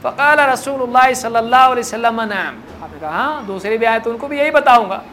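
An Islamic preacher gives a hadith lesson in a mid-range voice. He starts with slow, measured Arabic recitation, then moves into lively colloquial explanation, acting out the dialogue of the story. A faint hiss lies beneath his voice.

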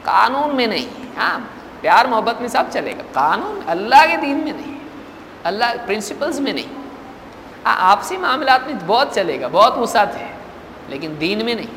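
Man preaching a sermon, slow careful recitation then easy explaining, lots of rhetorical questions, long echo, faint hiss behind. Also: very high voice, sing-song, a bit bright. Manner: recites Arabic hadith slowly, then explains in conversational speech. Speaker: religious preacher. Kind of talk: Islamic sermon. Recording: echoey hall, faint background noise.

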